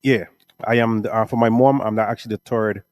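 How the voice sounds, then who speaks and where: A middle-aged Guyanese man with a Guyanese accent, answering interview questions about his life in a relaxed, rambling way, often tagging "right?" onto his sentences. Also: fairly low pitch, fairly quick, no room sound. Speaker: music artist and producer.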